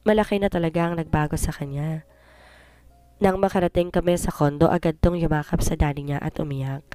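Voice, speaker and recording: A young adult woman telling a story in the first person, with expressive delivery that slips English phrases in. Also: low-pitched, fairly quick, faint music behind.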